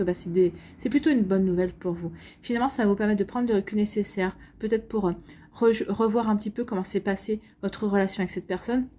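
A woman's voice: mid-range voice, warm tone, a little hiss or hum. A woman with a French accent giving a casual weekly tarot reading, chatty, with many fillers and slangy asides. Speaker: tarot reader.

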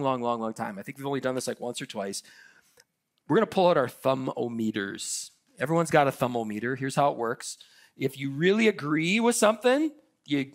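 A man preaching a sermon as pastor, leading the church in a playful audience exercise. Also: a little high. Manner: upbeat, leads audience participation with laughs.

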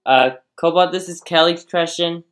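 A woman's voice: lowish voice, normal speed. A woman hosting a playful pretend game show, rambling and stumbling over the questions as she reads.

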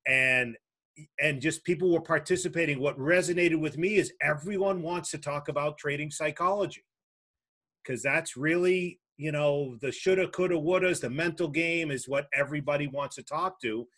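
A man's voice: fairly high pitch, normal speed, fairly bright tone. A man hosting a casual chat, talking in loose, rambling sentences with frequent restarts and some swearing. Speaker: host.

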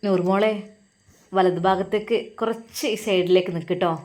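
A calm, kind young husband and religious teacher from a storybook tale, as a woman narrator puts him on. He speaks in an even, reassuring way. His voice stays close to the narrator's own. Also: mid-range voice, normal speed, natural voice.

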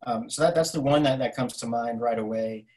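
A man's voice: mid-range voice, fairly quick, darkish tone, poor audio. A man in his forties giving a conference keynote over a video call from his home office, thoughtful, with many fillers and restarts. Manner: gestures with his hands while talking. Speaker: keynote speaker. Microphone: laptop webcam on a video call.

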